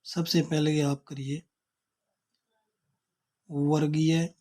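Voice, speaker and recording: A man gives a slow, careful grammar lesson in a fairly high voice. He explains each point patiently, repeats himself and names letters one at a time. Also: little pitch movement, a little mellow. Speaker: Sanskrit teacher.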